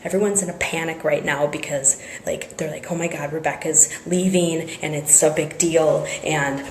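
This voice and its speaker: Woman whispering excitedly into her phone in a work bathroom, shaky, echoey. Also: low-pitched, normal speed. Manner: hushed, excited, half-whispering. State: shaky with nerves. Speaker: network marketing team member. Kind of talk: phone livestream. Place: office bathroom. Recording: echoey bathroom with faint room noise.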